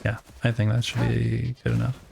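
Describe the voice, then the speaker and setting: A man's voice: mid-range voice, completely flat delivery, moderate pace, creaky, a little mellow, slight background noise. A man from the United States chatting casually to viewers while building in a game, musing aloud as he works. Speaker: streamer.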